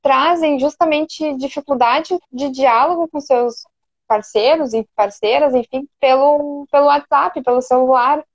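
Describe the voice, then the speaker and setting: A woman's voice: sits high, measured pace, lo-fi sound. A woman psychologist as a guest in an interview, chatting and explaining with everyday examples. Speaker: psychologist and couples therapist, guest. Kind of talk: conversational interview.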